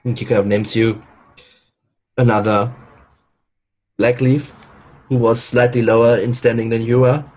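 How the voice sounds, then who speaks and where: A man narrating as game master in a tabletop game, halting and full of fillers. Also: mid-range voice, flat delivery, darkish tone, poor audio.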